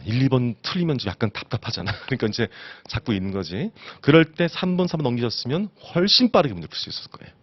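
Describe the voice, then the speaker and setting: A man's voice: medium pitch, dry recording, dull audio. A man teaching an exam-prep lecture, constantly asking his students rhetorical questions. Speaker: instructor.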